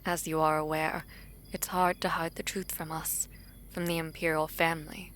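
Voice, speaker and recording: This woman's low, fairly monotone voice moves at a moderate pace, a bit bright, over slight background noise. She portrays a regal, guarded royal in an audio drama, shielding her younger brother. Her delivery is stately, grave and formal, with a wary, probing mood.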